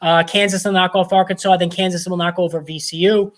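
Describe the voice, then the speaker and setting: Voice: medium pitch, level tone, a little fast. Rambling sports-picks host, heavy on fillers. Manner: rambling, many fillers and restarts; confident, opinionated picks. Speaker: sports bracket analyst host. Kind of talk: casual sports predictions monologue.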